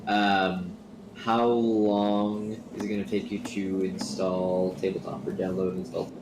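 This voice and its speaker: A man's voice: deep voice, level tone, unhurried, background noise. A gamer man talking casually in an offhand way, heard over a group voice chat.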